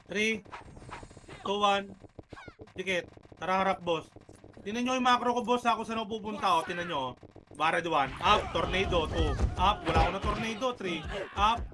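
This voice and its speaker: A man leading his team in a game, calling out rapid countdowns and commands, cursing between calls. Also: high-pitched, music in the background, low-quality recording. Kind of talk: live team callouts while gaming.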